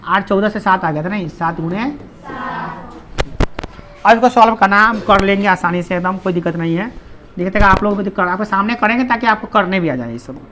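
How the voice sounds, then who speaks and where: A man's voice: high-pitched, noisy background. Chatty Bihari-accented male maths teacher. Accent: Bihari Hindi. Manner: chatty, teasing, joking with the class. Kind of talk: classroom lesson.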